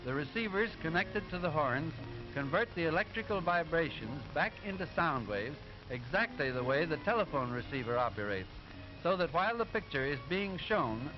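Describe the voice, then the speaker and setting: A man plays a patient cartoon professor from an early talkie film. His voice is high and he lectures in careful, didactic phrases. The soundtrack is dull and vintage, with music playing behind him. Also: lively intonation, close to an everyday voice. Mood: patient, instructive. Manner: deliberate, didactic, clearly enunciated. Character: instructive professor explaining machinery to pupils. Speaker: narrator explaining sound film.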